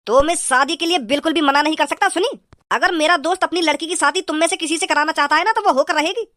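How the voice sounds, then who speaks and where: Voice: high-pitched, quick pace, sharp tone, no echo, clean studio sound. A performer voicing a stern cartoon village father who speaks firmly.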